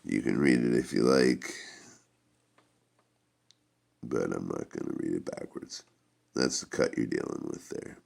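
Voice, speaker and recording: Very deep, gravelly man reviewing casually. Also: a little mellow. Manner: rambling, halting. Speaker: product reviewer. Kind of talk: casual rambling product review.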